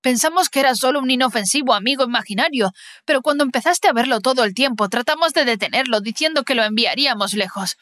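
A worried, gentle mother from an animated story speaks softly and reassuringly, as a woman narrator puts her on. The voice is bright and sits fairly high, recorded close and dry. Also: quick pace, no room sound. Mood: tender.

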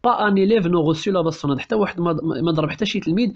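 A man with a Moroccan Arabic accent teaching a French novel for exam prep, explaining quickly and switching between languages with many restarts. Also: high-pitched, muffled recording.

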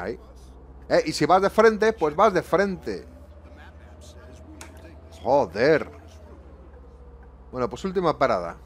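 Exasperated and cursing a lot, a gaming YouTuber grumbles to his audience while live-commentating bus-driving gameplay at home. His voice sits at medium pitch, with a little hiss or hum on the recording.

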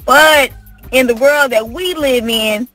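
A woman with a high, husky voice talking in a casual podcast chat. She is blunt and profane, stumbling over her openings before settling into her point. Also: takes it slowly, sharp tone, faint music behind. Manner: blunt, profane, hesitant restarts when explaining.

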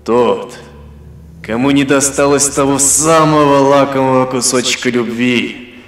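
A man voicing a sardonic ancient god of the underworld, speaking in a slow, sepulchral, sarcastic voice. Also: mid-range voice, steady tone, lightly acted. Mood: menacing, sarcastic. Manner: sarcastic, mocking. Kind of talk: audiobook character voice. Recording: echoey hall reverb with faint music.

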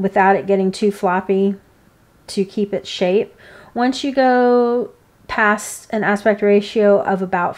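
A woman gives a hands-on tutorial at a slow pace. Her medium-pitched voice is informal and unhurried, and she leaves pauses between the steps as she instructs. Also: darkish tone. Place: indoors, seated at a work table.

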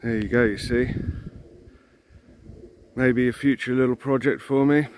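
A man in a mid-pitched voice talks casually while filming a walk-around outdoors. He thinks aloud, with ums and half-finished restarts. A faint hiss of open-air noise sits under the phone recording. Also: fairly even intonation, unhurried, darkish tone. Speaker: vintage combine owner filming his machine. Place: outdoors in an overgrown field beside an old combine.

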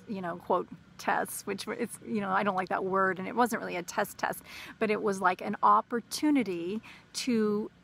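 Woman, gravelly voice, rambling with fillers, short on sleep, faint background hiss. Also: medium pitch, a bit bright. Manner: rambling, many fillers and restarts. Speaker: spiritual vlogger. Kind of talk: casual personal vlog monologue.

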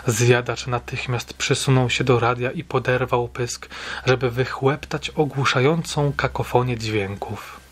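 A man reading a story aloud in a steady, measured way, as an audiobook narrator. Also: mid-range voice, breathy edge.

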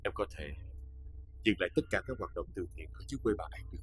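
An actor playing a worried middle-aged father who tries to calm his wife in a TV drama. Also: low-pitched, fast, faint music behind. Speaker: husband and father. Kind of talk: TV drama acting.

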